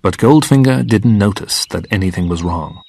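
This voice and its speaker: Low-voiced man reading a storybook. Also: lively intonation, a little mellow, no echo. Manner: slow, clear, deliberate reading. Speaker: narrator. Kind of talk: scripted storybook narration for English learners.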